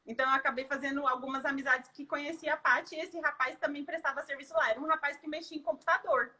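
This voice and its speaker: A woman's voice: high-pitched, steady tone, fast, pushed and bright. A woman telling a personal story in an emotional testimony, heartfelt and tearful, with many fillers and restarts. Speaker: guest giving a testimonial.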